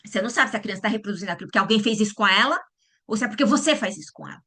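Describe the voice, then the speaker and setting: A woman giving a lecture to parents, animated and often checking in with her listeners. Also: medium pitch, very fast. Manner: acts out quoted voices. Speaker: lecturer at a church parents' talk.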